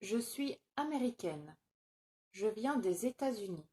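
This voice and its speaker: A woman's voice: mid-range voice, expressive, unhurried, darkish tone. A woman reading scripted phrases for a language-learning video, enunciating each short line carefully.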